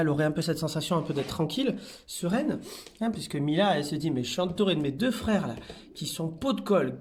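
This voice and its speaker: Man cooing at cats in echoey room. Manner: coos at the cats in a high sing-song voice, then explains calmly to viewers. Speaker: cat hotel keeper. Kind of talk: casual vlog commentary. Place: indoor cat room.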